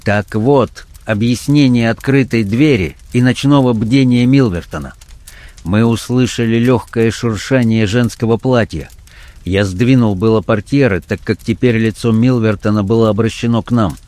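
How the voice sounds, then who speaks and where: A man narrating an audiobook in a measured, even reading. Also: medium pitch, no room sound.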